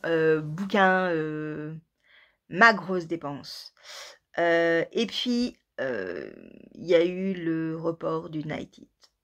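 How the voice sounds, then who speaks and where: Chatty woman, low voice, murmured asides. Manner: chatty, self-mocking, murmurs asides under her breath. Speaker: knitting podcast host. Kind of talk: casual chat.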